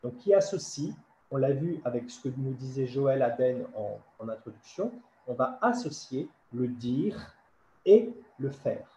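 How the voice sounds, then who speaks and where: A man's voice: mid-range voice, animated, unhurried, dark tone. A man giving a lecture to teachers at an online workshop, explaining step by step and often checking with "d'accord?". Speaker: French teacher trainer. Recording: echoey dull webinar audio.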